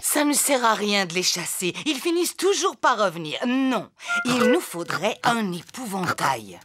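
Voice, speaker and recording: Elderly granny pig, husky voice, lively pitch, matter-of-fact, dry close sound. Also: female voice, unhurried, no echo, soft background music, heavily acted. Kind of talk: preschool cartoon dubbing.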